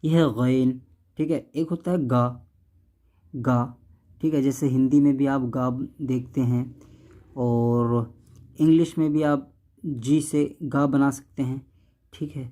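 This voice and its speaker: A man teaching how to read the Quran, saying each letter sound slowly and more than once, contrasting thin and heavy sounds, and checking in often. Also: medium pitch, fairly even intonation, dark tone. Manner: patient, repeats each sound, keeps asking "okay?".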